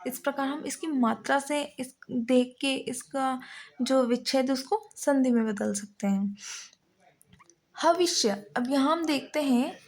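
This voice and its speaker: Slow high-voiced woman teaching grammar. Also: darkish tone. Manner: slow, patient, spelling out word parts one by one. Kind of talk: Hindi grammar lecture.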